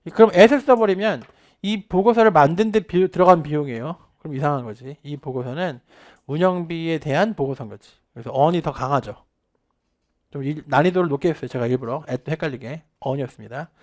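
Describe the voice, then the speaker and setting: A man in his thirties teaching in an online test-prep lecture, energetic and drilling phrases for repetition while swinging his pitch and loudness for emphasis. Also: normal speed. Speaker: English teacher.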